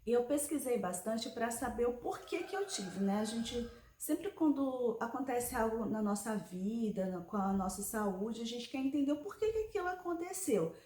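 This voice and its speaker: A woman's voice: a little high, expressive, normal speed, dark tone, a little hiss or hum. A woman in her forties explaining a health topic in a conversational personal vlog, often checking in with the viewer. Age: 40s. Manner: conversational, explanatory, with frequent tag questions. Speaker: vlogger. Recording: echoey room.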